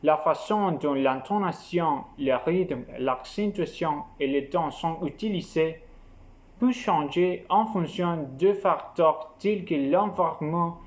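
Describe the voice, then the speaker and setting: A man with a rather high voice reads a scripted lesson aloud. He takes his time, spacing out each phrase in a measured, explanatory way. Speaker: teacher.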